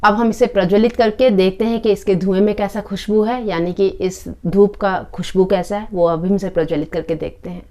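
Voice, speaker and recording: A woman giving a casual product review with a live demo, in calm, unhurried descriptive talk with occasional fillers. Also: mid-range voice.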